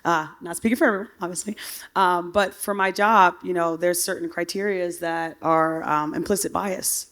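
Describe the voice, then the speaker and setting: A woman giving earnest personal testimony in a panel discussion, often saying "you know". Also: fairly low pitch. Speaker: panelist, sports referee.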